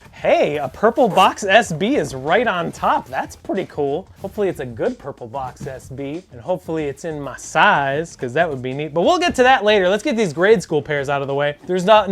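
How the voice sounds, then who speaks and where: A man's voice: high-pitched, slight background noise. A man hosting a casual sneaker unboxing vlog from home, with goofy, self-mocking asides. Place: home in Chicago.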